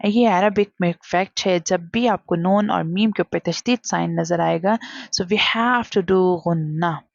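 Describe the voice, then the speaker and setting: A woman teaching Quran reading in a recorded lesson, drawing out each syllable slowly and then explaining quickly in mixed Hindi and English. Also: on the low side, vocal fry, dry recording, lo-fi sound. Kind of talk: recorded lesson, spelling out letters.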